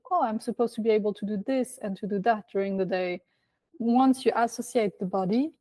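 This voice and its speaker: A woman's voice: medium pitch, mellow. A woman life coach talking on her podcast in a reflective, conversational way, putting many questions to her listeners. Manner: loose, conversational phrasing with frequent "like". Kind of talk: solo coaching podcast monologue.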